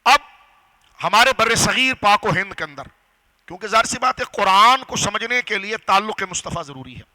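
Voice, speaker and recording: A man preaching a religious lecture to a gathering, teaching step by step, asking the audience questions and slowing down on key phrases. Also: sits high, animated, bright, forceful tone, rough recording. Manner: didactic, rhetorical questions to audience. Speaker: Islamic scholar and preacher. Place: gathering hall.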